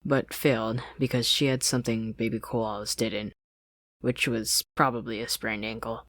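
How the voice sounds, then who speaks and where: A podfic narrator reads fan fiction as scripted story narration, sitting close to a studio-style desk microphone. The voice is medium-pitched and a bit bright, with a level tone and moderate pace. The sound is dry, with no room sound.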